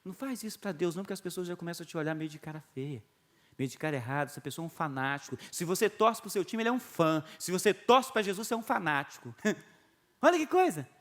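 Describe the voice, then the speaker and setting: A middle-aged man with a Brazilian Portuguese accent preaches a video sermon, animated and story-driven. His voice sits high for a man and has a bright, forceful edge. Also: fast. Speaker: pastor.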